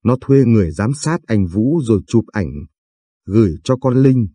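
A man's voice: lowish voice, animated, normal speed, mellow, husky, dry recording. A man voicing a tough, foul-mouthed young woman who scolds and threatens, in an audiobook reading. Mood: scolding. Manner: coarse, threatening, bossy.

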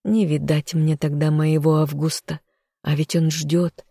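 A woman voicing a kind old grandmother with a creaky voice, spoken as a soft whisper in an audiobook reading. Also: low-pitched, level tone, unhurried, no echo, studio quality, full character voice. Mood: tender.

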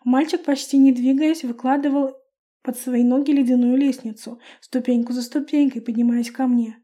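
A woman narrating a first-person fantasy audiobook with a lively, expressive reading. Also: high-pitched, moderate pace.

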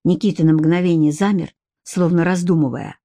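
A woman reading an audiobook in steady, measured narration. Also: lowish voice, vocal fry, dry recording, clean studio sound. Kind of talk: scripted narration.

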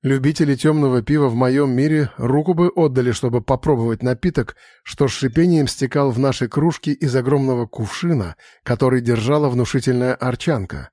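A man narrating a first-person fantasy audiobook in a steady, conversational storytelling manner. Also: medium pitch, brisk, few pauses, no echo, studio quality.

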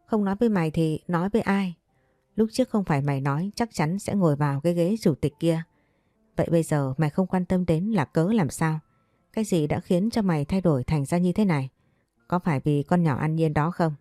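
A woman's voice: on the low side, fairly quick, dark tone, dry recording, studio quality, lightly acted. Woman reading as a scolding scheming mother. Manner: scolding, blunt and pushy. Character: stern scheming middle-aged mother scolding her son.

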